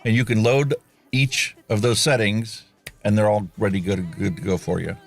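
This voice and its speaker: A low-voiced man hosting a relaxed, chatty show. He walks through equipment and mixing step by step, with faint music underneath. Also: normal speed. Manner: explains gear and mixing in detail, relaxed and chatty. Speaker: host. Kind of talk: casual chat.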